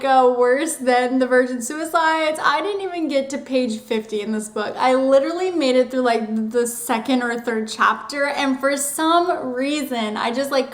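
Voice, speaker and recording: High-voiced chatty young woman vlogger. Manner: chatty and rambling, heavy use of "like". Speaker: book vlogger. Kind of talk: casual chat to camera. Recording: roomy echo.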